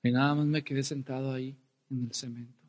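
Dramatic preacher in a reverberant hall. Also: male voice, mid-range voice, level tone, a little fast, highs cut off. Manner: dramatic storyteller, shouting and whispering for effect. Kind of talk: sermon with personal story.

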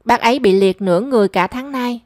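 A woman voicing a brisk, matter-of-fact young female friend. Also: on the high side, darkish tone, dry recording, clean studio sound, close to an everyday voice.

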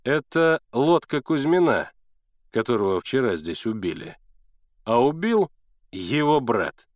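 A man's voice: mid-range voice, sing-song, measured pace, no echo, clean studio sound. A man voicing a sly, mocking adult male boatman in a sneering, reproachful manner for an audiobook. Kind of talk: audiobook character voice.

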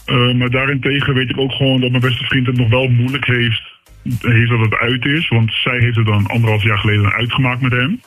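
An anonymous young man, his voice disguised and pitched deep, haltingly telling a personal story as a caller. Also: little pitch movement, a bit bright, rough recording. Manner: hesitant, many fillers and restarts. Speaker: anonymous listener calling in.

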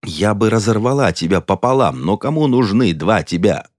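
A man voicing a sharp-tongued, gossipy woman who snaps back and boasts. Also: on the low side, expressive, moderate pace, no echo, clean studio sound, pitched above the performer's own voice. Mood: snapping. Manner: snappy, boastful.

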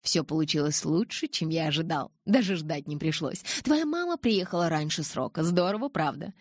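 A menacing male kidnapper, read by a woman in an audiobook, calm and mocking as he gives his orders. The voice sits low and slightly husky. The recording is close and dry. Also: normal speed, no echo. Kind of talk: audiobook character voice.

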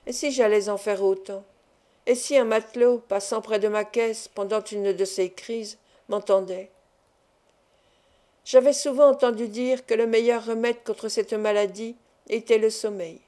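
Lady reading an old novel out loud, warm dark tone, a bit high, steady storyteller pace. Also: measured pace. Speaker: audiobook reader. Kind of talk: scripted narration of a novel.

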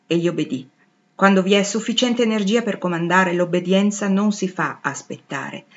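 A woman narrating a literary audiobook in an expressive, dramatic reading. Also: lowish voice, moderate pace, dull audio. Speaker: audiobook reader.

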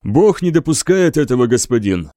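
An eager young priest, full of pious cheer, speaks with earnest conviction, as a male narrator reads him. His voice moves lively up and down. The recording is dry and close. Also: medium pitch, moderate pace, dry recording, close to an everyday voice.

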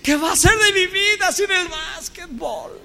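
A man's voice: extremely high pitch, a little slow, vocal fry, bright, forceful tone, some chatter behind, slight background noise, voice pushed up, exaggerated voice. A man voicing his younger self as a melodramatic teenage boy, wailing through sobs. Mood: sobbing. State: crying. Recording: long hall reverb.

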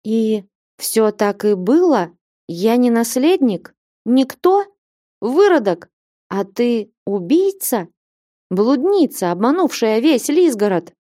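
Give me a high, overwrought boy, acted by a woman in an audiobook, dry and close. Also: sing-song, takes it slowly, warm tone, dry recording. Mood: shocked. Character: excitable boy, then furious anguished teen.

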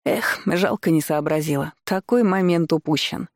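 A woman's voice: low voice, moderate pace, dry recording, studio quality. Wry woman reading a first-person audiobook. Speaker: audiobook narrator.

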